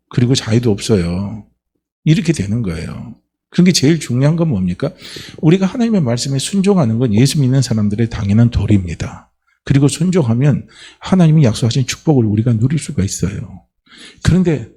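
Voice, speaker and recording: A man's voice: medium pitch, mellow, husky. A male pastor giving a conversational sermon, often posing questions to the congregation and answering them himself.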